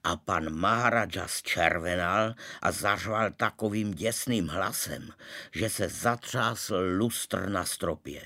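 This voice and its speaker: Low-voiced man telling a humorous story. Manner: lively, humorous, expressive storyteller. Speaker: narrator. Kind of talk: storytelling reading of a children's novel.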